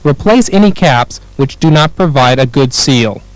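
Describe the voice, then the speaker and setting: Clear and measured, an American man reads scripted instructional narration for a training film with lively intonation at medium pitch. The recording is rough but has no room sound.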